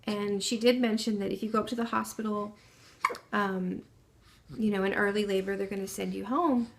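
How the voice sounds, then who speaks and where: A young woman telling the story of her baby's home birth in a casual, soft-spoken way, with many pauses and fillers. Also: mid-range voice, fairly even intonation, gravelly.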